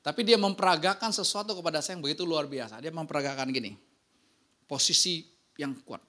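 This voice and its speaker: A pastor preaching a casual, lively sermon, telling stories and often checking in with the congregation. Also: male voice, fairly high pitch, brisk. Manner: casual, slangy preaching with anecdotes.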